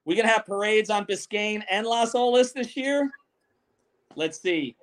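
A man in his forties hosts a live sports podcast, talking bluntly and swearing now and then as he works through viewer comments. His voice sits a little high for a man. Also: expressive, a little slow. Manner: blunt, profane and emphatic, reading viewer comments.

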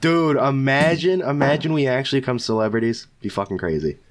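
A man's voice: medium pitch, fairly quick, a little hiss or hum. A young man chatting casually as a podcast co-host, with crude, teasing, swear-heavy frat-bro slang. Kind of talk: casual chat.

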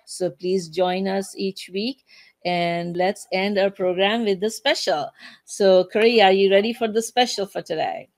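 A woman's voice: medium pitch, steady tone, unhurried, a little mellow. Woman hosting a weekly online talk. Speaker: host.

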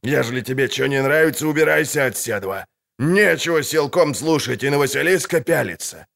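A man's voice: mid-range voice, lively intonation, brisk, gravelly, fairly bright tone, voice pushed up. A man voicing a boastful, crude male fairground showman with folksy huckster patter in an audiobook. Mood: indignant. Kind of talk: audiobook character voice.

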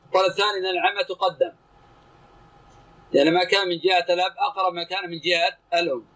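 A man's voice: high-pitched, a bit bright, low-quality recording. A man teaching as a sheikh, commenting on texts and questioning a student in short, clipped phrases. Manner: terse, brisk, asks and answers in short clipped phrases.

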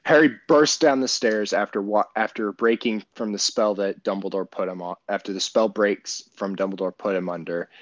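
A man with a fairly low voice co-hosts a casual podcast, spinning a long, profane story full of false starts. The audio is dry and a little dull, with a lo-fi edge. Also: no echo. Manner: profane, rambling retelling with many restarts. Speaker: podcast co-host.

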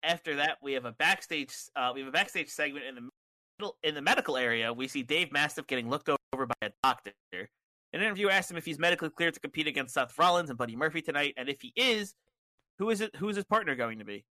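Podcast guy telling the story brisk and jokey, bright slightly high voice. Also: animated, dry recording. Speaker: podcast co-host. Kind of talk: casual recap chat.

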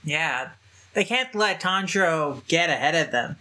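A podcast panelist chatting animatedly about an anime, often slipping into quick character voices. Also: medium pitch, lively intonation, pushed and bright. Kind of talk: casual chat about an anime.

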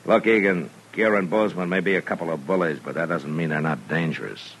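An actor playing a stern, weary frontier marshal, terse and commanding, in a 1950s radio western. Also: male voice, low voice, brisk, fairly bright tone, breathy edge, full character voice. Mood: dry, weary.

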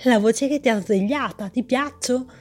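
A woman's voice: fairly high pitch, normal speed, darkish tone, close to an everyday voice. A woman reading aloud voices a mysterious, playful voice that gloats as it poses riddles in a storybook tale. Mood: teasing. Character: mysterious teasing riddle-telling voice.

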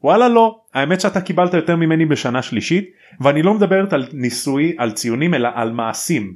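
A man's voice: fairly high pitch, expressive, darkish tone. A man voicing an earnest, insistent teenage schoolgirl witch in a raised, pleading voice while retelling a story.

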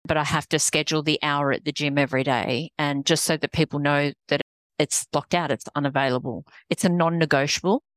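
A woman's voice: deep voice, fairly even intonation, brisk, fairly bright tone, no room sound. A middle-aged woman with an Australian accent, talking earnestly as an interview guest, restarting her sentences often. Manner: earnest, rambling with frequent restarts. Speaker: guest, executive coach. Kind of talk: casual interview conversation.

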